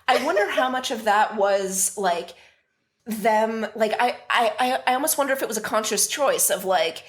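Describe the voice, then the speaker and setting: A woman co-hosting a podcast in casual chat, rambling with many fillers and casual swearing. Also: mid-range voice. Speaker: podcast co-host.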